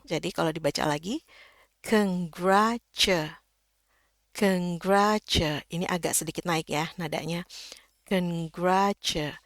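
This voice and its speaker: A woman giving a casual, patient English pronunciation lesson, slowly demonstrating sounds. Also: deep voice, gravelly, no room sound, studio quality. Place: indoors, rain heard outside.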